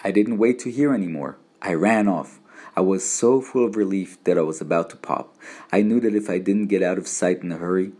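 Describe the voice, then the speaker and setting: A man reads a story aloud in a very deep voice. His narration is steady and measured, told in the first person. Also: husky. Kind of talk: audiobook narration.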